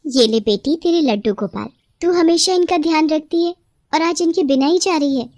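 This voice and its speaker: A tender cartoon mother, voiced by a woman sends her daughter off. Her voice is high and dry. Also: moderate pace, darkish tone, no room sound, close to an everyday voice. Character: loving mother of the bride.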